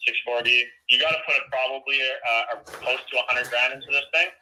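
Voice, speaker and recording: A man heard over a phone speaker, explaining numbers in a relaxed, matter-of-fact way, with many fillers and restarts. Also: medium pitch, fairly quick, poor audio. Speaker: real estate investor on a call.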